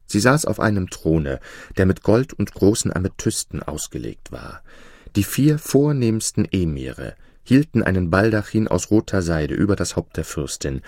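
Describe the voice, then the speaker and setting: Deep-voiced male storybook narrator. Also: a little mellow, dry recording, clean studio sound. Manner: measured, dramatic.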